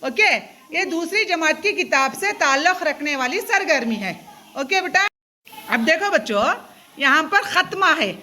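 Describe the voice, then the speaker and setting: A woman's voice: extremely high pitch, animated, moderate pace, sharp tone, a little hiss or hum. A woman schoolteacher gives a classroom lesson to young pupils. She keeps asking questions, has the class repeat terms back, and mixes English terms into her speech.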